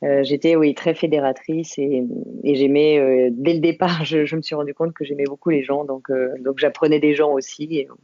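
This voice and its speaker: A reflective woman of about fifty from the Paris suburbs speaks as a podcast guest, unhurried and full of pauses. Her voice is mellow and dry, and the audio sounds a little dull and lo-fi. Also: low-pitched, steady tone, no room sound. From Paris suburbs, France. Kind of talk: podcast interview conversation.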